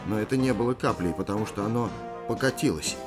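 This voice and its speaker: A man reading an audiobook aloud in an expressive storytelling manner. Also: on the low side, fast talker, music in the background. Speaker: audiobook narrator. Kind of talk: scripted audiobook narration.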